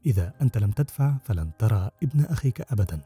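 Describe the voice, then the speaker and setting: A man's voice: fairly low pitch, animated, racing, warm tone, husky, soft background music. A man voicing a cunning, bold adult outlaw who speaks in a sly, self-assured way. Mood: telling.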